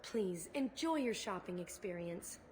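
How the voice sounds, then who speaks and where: A woman's voice: mid-range voice, animated, a little slow, background noise, lightly acted. Give me a woman as a fretful, placating shopkeeper. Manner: apologetic, placating. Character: nervous polite female shopkeeper.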